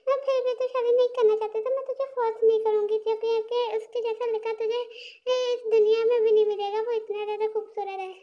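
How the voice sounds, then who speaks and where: A woman's voice: very high voice, level tone, fast talker, highs cut off. A woman voicing a middle-aged mother who coaxes and bosses her daughter toward marriage. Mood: coaxing. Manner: sweet-talking with threats.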